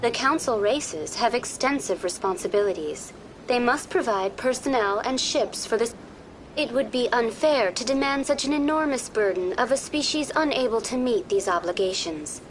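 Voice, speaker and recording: A woman voicing a smooth, polite female virtual-intelligence tour guide in a video game, calm, formal and too smooth, like an android. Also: fairly high pitch, normal speed, a little hiss or hum, natural voice, rough recording. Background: music.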